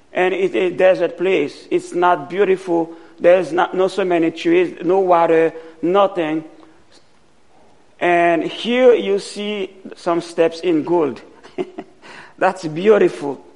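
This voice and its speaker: Slow, gravelly-voiced man from Haiti preaching. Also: sits high. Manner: slow and deliberate, pausing often. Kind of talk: sermon.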